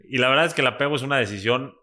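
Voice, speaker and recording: Bright-voiced man hosting a podcast. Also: medium pitch, very fast. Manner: attentive, thoughtful follow-up questions. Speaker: podcast host. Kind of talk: podcast interview.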